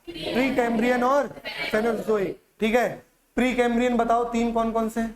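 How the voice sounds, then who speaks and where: A man's voice: extremely high pitch, steady tone, moderate pace, crowd noise. A male teacher lecturing a classroom in Hindi, quizzing students with repeated questions and memory tricks, with a Chhattisgarh accent. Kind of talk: classroom lecture with call-and-response drills.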